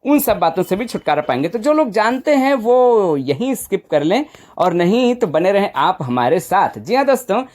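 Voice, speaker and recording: Woman, mid pitch, informal tutorial presenter, step-by-step explanation, conversational, frequent check-in questions. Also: sing-song, moderate pace, a little mellow. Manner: conversational, often seeks confirmation with short tag questions.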